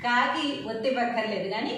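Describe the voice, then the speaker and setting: Woman, high voice, patient teacher, repeats each letter, roomy echo, distant mic. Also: lively intonation, fairly quick, fairly bright tone, slight background noise. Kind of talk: slow spelling lesson. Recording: echoey room, mic far off.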